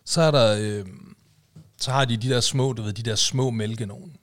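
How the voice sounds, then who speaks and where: A podcast co-host with a steady, medium-pitched voice spins long, rambling stories in a casual chat, packing them with fillers and "du ved, ikke?".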